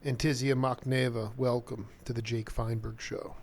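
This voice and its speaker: Here a male radio host speaks in a mid-range voice at an even, moderate clip during a live talk show. Easygoing and rambling, he refers to musicians as "cats" while bringing on his guest and asking questions in a loose, chatty interview.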